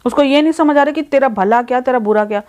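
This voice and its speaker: Woman, middle-aged, upset mother in a family vlog skit, lightly high voice. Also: fast talker, darkish tone. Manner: distressed, complaining, quoting her daughter.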